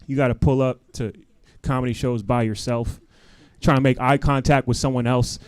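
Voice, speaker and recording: A man's voice: mid-range voice, steady tone, normal speed, smooth, no echo. A man hosting a live comedy show, joking loosely with the crowd and laughing often between lines. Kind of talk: stand-up emcee banter. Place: live comedy stream venue.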